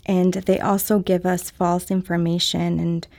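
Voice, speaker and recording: A woman working as a live interpreter, speaking a guest's words in the first person in short, halting phrases. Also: on the low side, flat delivery, gravelly, darkish tone, dry recording.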